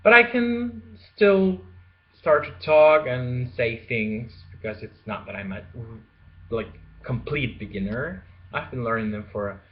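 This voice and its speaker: In a casual, unscripted vlog, a young language learner talks slowly and hesitantly, restarting often and filling gaps with fillers. His mid-range voice is expressive, though the home video sound is dull and lo-fi.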